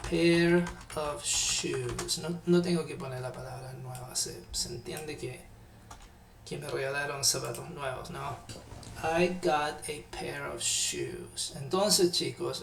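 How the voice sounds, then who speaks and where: A man teaching English in a live online class, patiently repeating phrases slowly. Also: on the high side, creaky, recorded from a distance. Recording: echoey room, off-mic.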